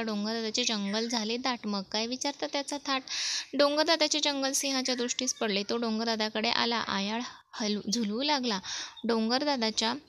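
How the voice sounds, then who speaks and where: Lively woman reading a children's story. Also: no echo. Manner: animated, voices dialogue with lifted pitch. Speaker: storyteller reading a school lesson.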